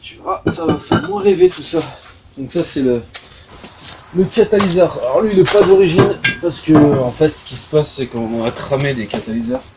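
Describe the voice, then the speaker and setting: A man's voice: on the high side, big pitch swings, normal speed, background noise. Chatty man filming his car. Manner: chatty, hesitant with many fillers, pointing things out. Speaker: car enthusiast showing his car. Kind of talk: casual garage walkaround. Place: garage, in and around a car.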